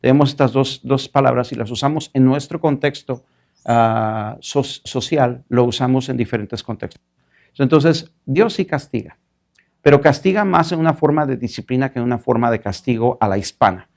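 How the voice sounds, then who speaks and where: A man preaching a sermon as a pastor, telling stories in a lively way and slipping into English phrases now and then. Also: mid-range voice, normal speed, creaky.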